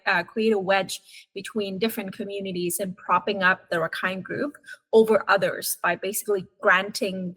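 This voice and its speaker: A woman's voice: mid-range voice, fairly bright tone, rough recording. A woman in her thirties from Burma, raised in Thailand, answering interview questions earnestly with frequent fillers and restarts. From Burma (Myanmar), raised in Thailand. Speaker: guest, human rights activist.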